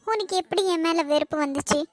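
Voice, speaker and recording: A woman's voice: extremely high pitch, fast, no echo. A woman voicing a lovesick young cartoon woman with a Kanyakumari Tamil accent, pleading and tearful with her ex. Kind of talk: cartoon voice acting.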